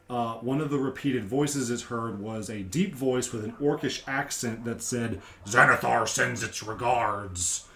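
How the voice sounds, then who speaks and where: A man of average pitch speaks as a game master in casual conversation. He retells a tabletop session step by step, in an explanatory way. The room around his voice is noticeably echoey.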